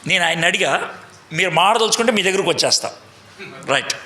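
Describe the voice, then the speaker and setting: A man's voice: high-pitched, animated, fast talker, sharp tone, reverberant. A man teaching a Bible lesson to a meeting, quizzing the audience and mixing in English phrases. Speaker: preacher. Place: large meeting hall.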